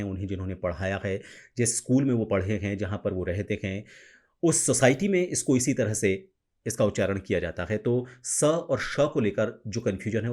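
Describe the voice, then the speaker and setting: Guy doing a pronunciation tutorial, slow careful delivery, demonstrates the sounds. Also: lowish voice, a little mellow. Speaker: teacher of pronunciation. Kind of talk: spoken tutorial to camera.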